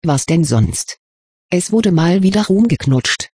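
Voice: mid-range voice, expressive, unhurried, a little mellow, breathy edge, no echo, studio quality. A reader voicing a cheeky, teasing teenage boy with a cheerful manner in an audiobook. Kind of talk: audiobook reading.

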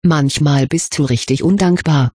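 A reader voicing a weary, sharp-tongued teenage witch girl with a croaky, grumbling manner in an audiobook. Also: mid-range voice, moderate pace, dry recording, studio quality, lightly acted. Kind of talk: audiobook reading.

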